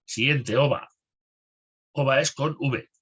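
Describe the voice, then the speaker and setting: A man teaching a spelling lesson for an exam course, reading words and definitions one after another in a steady list, with a Spanish accent from Spain. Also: medium pitch, takes it slowly, slightly rough, dull audio.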